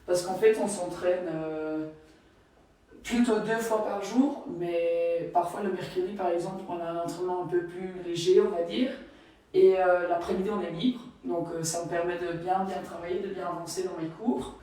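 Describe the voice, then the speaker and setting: A woman's voice: on the low side, fairly even intonation, moderate pace, mellow. A young woman from Belgium, a Flemish speaker with a Flemish accent, chatting casually and with many fillers as she gives a tour of her home. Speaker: volleyball player. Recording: echoey room from a distance.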